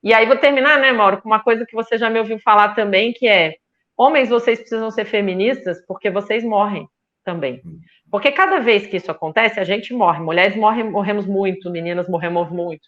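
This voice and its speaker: A Brazilian feminist union leader in her fifties speaks as a panel guest, her mid-range, slightly bright voice emphatic and indignant as she repeats words for force. It's an impassioned panel discussion, and the audio sounds dull.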